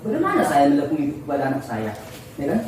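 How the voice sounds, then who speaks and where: A man's voice: on the high side, huge pitch swings, racing. Guy teacher chatting to colleagues, bouncy voice, far from the mic, faint hiss behind. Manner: conversational, often acts out exchanges with students. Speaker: teacher presenting to fellow teachers. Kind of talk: informal workshop presentation. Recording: echoey room, far from the mic, faint noise.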